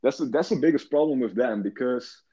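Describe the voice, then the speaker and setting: A man's voice: mid-range voice, expressive, a little fast, mellow, husky, highs cut off. A fifteen-year-old boy from the Netherlands, guest in a casual chat, talking earnestly and repeating words as he starts. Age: teens.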